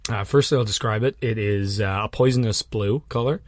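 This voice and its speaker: A fairly low-pitched man speaks fairly quickly, with no room sound, as a podcast co-host in casual banter. Recording from a small room at home, he sounds tired and tells jokey, rambling stories.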